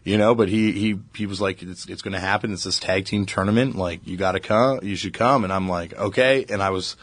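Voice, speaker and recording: A man in casual chat, telling stories in an excited way with many restarts and fillers. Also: sits low, fairly quick, no room sound.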